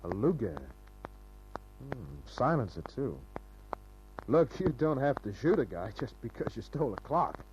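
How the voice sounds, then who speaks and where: A man voices a cynical, tight-lipped private eye in a 1950s-style radio crime drama, deadpan and hardboiled with wisecracks. His medium-pitched delivery is a little slow and full of pauses. The old radio recording is dull and hissy, with a hum.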